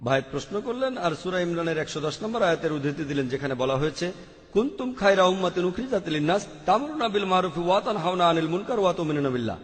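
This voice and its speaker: A man's voice: high-pitched, animated, fast talker. A man giving a question-and-answer lecture, answering audience questions methodically, quoting scripture verses and listing options one by one. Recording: long hall reverb.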